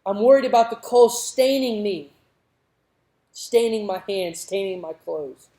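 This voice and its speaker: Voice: mid-range voice, lively intonation, a little slow, mellow. A youth preacher voicing a headstrong teenage daughter who protests and pleads in a raised voice. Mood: worried. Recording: roomy echoing hall.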